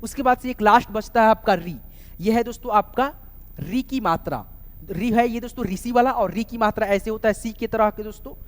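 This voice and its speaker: A man's voice: high voice, a little fast, long reverb tail. A man teaching a casual spoken lesson, spelling words out letter by letter and calling his viewers friends over and over. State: sweating from heat. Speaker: online English teacher.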